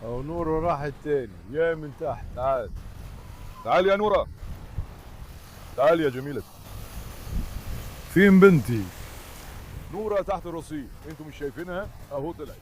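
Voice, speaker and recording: An Egyptian man talks quickly in a high voice, chatting through a vlog as he coaxes his dogs at the seashore. He speaks into a handheld microphone outdoors, with a faint hiss of noise behind him. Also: animated. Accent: Egyptian Arabic. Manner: calls out eagerly and affectionately to his dogs.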